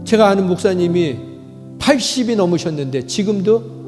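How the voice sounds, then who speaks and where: Pastor, male, high and very animated voice, fervent sermon delivery, church hall reverb, faint music under. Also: normal speed. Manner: impassioned preaching, swings from loud calls to quiet storytelling. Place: church sanctuary.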